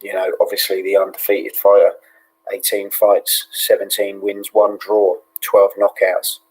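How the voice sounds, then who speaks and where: A British man hosting a live fight watch-along in a hushed, half-whispered voice, relaxed and full of ums and yeahs. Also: on the low side, a little slow, husky, rough recording. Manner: relaxed, with many fillers like um and yeah. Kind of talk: low-key live fight commentary.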